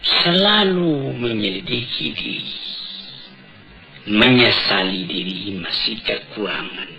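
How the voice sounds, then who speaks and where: A man with a low, gravelly voice preaches slowly and deliberately, driving points home with rhetorical questions. It sounds like an old cassette tape recording, with clear music behind him. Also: animated, low-quality recording. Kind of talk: sermon.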